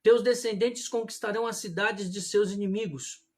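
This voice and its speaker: A preacher with a fairly high voice reads scripture aloud at a steady, measured pace and calls his listeners brothers. He speaks in a sermon to a livestream camera from a room at home. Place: indoor room at home, religious images behind him.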